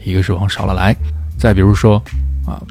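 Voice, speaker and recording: A man teaching English pronunciation, patiently explaining each point step by step and sounding words out slowly. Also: low voice, little pitch movement, darkish tone, soft background music. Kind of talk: explanatory lesson.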